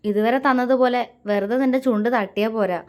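A woman's voice: fairly high pitch, brisk, a little mellow, lightly acted. A woman voicing a playful young husband who teases his wife with mock sternness. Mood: teasing. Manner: teasing, mock-stern, demanding.

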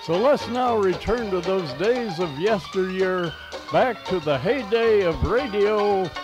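An American man in his eighties hosts old-time radio in a high, expressive voice at a slow pace. His announcer delivery is folksy and theatrical, with a nostalgic, scripted feel. It was recorded on a home cassette tape with music.

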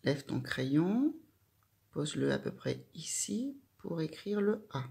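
A woman's voice: low voice, very animated, takes it slowly, vocal fry, warm tone. A woman teaching a child handwriting, giving patient step-by-step instructions.

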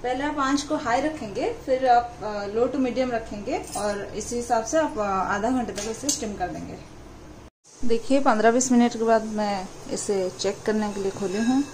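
Woman cooking at home and talking viewers through it, kinda high voice, sizzling and noise in the background. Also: normal speed. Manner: explains steps plainly, addresses viewers directly. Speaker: cooking channel host. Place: home kitchen.

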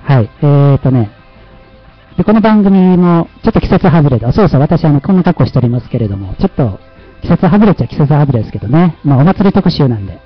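A man's voice: fairly high pitch, animated, fast talker, dull audio, faint music behind. A man with a Kansai Japanese accent hosting a casual livestream, chatty and self-mocking, often laughing at himself. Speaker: livestream host.

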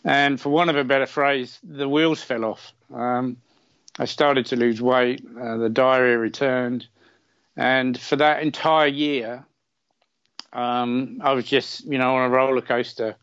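His mid-range voice is a bit bright and clean, with fairly even intonation and a measured pace: a middle-aged Englishman guesting on a podcast. He relates a long personal story conversationally, with many fillers and wry digs at himself. The recording is muffled, with no room sound.

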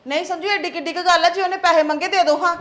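A woman playing a young sister-in-law who quickly takes the boy's side, placating the family. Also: extremely high pitch, steady tone, background noise.

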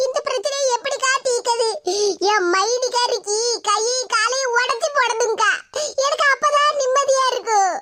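A woman's voice: moderate pace, pushed and bright. A woman voicing a sulky, jealous young married woman in a cartoon, complaining in a Tirunelveli Tamil accent. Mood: whiny. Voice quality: high and squeaky. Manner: whiny, complaining.

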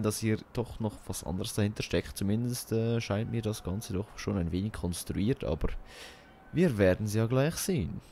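Casting: male gaming host, fairly deep, chatty and colloquial, thinking aloud over faint game sound. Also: mellow, slight background noise. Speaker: let's play host. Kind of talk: casual game commentary.

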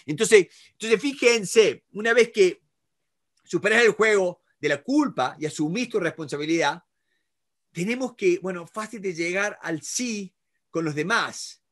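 A middle-aged man with an Argentine Spanish accent teaches negotiation in a live online class, lively and talking to students by name with frequent checks on whether they follow. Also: high voice, unhurried. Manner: animated, talks to students by name, many rhetorical checks. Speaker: negotiation instructor.

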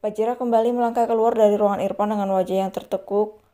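Woman reading an audio novel, all the parts in one voice, low and warm tone. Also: fairly even intonation, fast. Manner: reads all characters in one voice. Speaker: audiobook narrator. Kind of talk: scripted story narration.

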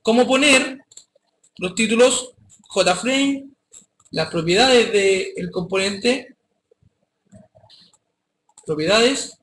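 A man teaching a coding class, his voice high and bright. He speaks casually and keeps checking that the students follow. The sound is echoey, with faint background noise. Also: extremely slow, long pauses. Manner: casual, addresses students directly with frequent checks. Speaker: programming teacher. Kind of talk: live classroom coding lesson.

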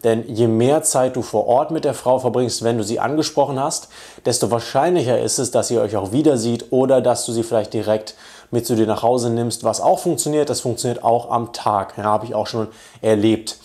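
Man coaching in a dark, mellow voice. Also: medium pitch, a little fast. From Germany. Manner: direct, confident advice-giving. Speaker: dating coach. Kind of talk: instructional video talk to camera.

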